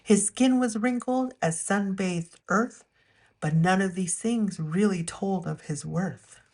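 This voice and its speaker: Her medium-pitched voice carries a rhyming picture book, read aloud with the expressive, unhurried pacing of storytime.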